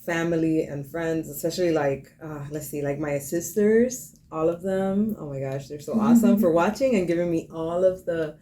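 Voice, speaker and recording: Warm-voiced woman co-host, chatty. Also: fairly low pitch, a little hiss or hum. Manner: chatty, laughs often, quick asides. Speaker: podcast co-host. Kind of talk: casual chat.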